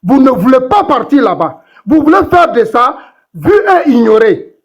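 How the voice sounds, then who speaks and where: A man's voice: very high-pitched, very animated, moderate pace, muffled recording. A man on a TikTok live panel giving emphatic, repetitive commentary full of fillers.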